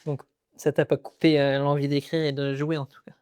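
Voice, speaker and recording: A man hosting a podcast interview, relaxed and slangy, encouraging his guest. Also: fairly high pitch, a little fast, clear, resonant tone, no echo, studio quality. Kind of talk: casual interview chat.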